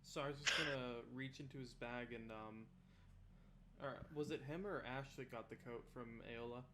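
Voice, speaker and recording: A man's voice: mid-range voice, normal speed, bright, forceful tone. A man player in a tabletop game, mixing plans with his character's lines in a playful way.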